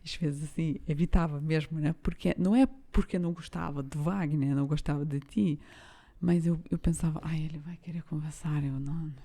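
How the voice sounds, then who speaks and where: Speaking briskly with a deep, dark, steady voice, a woman born in Lithuania tells stories as a podcast co-host. Her delivery is casual conversation, hesitant as she hunts for the right words.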